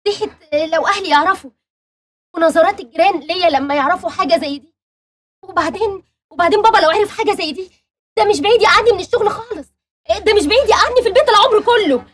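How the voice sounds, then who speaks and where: An actress playing a frightened young woman who pleads and explains herself in a rushed, tearful way, with an Egyptian accent. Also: very high voice. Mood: anxious confession.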